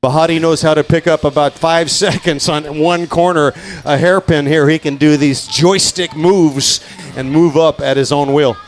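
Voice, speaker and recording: A man with a slightly high voice co-hosts live coverage of a bike race. He cracks dad jokes between the action and calls the sprints with plenty of energy. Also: steady tone, normal speed, a little hiss or hum. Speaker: race commentator.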